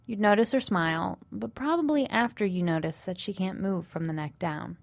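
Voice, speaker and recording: A woman reporter reading a scripted television news narration in a measured storytelling way. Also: mid-range voice, gravelly.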